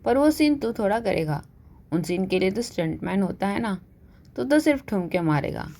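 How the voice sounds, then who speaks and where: A woman's voice: medium pitch, lively intonation, normal speed, gravelly, a little mellow. A brash young college girl teases her friend with mocking pet names, as a woman narrator puts her on. Her lines are cheeky and playful in a read-aloud story. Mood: teasing.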